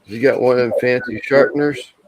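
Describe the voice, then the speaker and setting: Gravelly guy hosting a chill stream, rambles, lots of uh and restarts. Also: mid-range voice, fairly even intonation, over a noisy crowd, rough recording. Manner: rambling, halting storyteller. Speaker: livestream host. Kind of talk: casual chat.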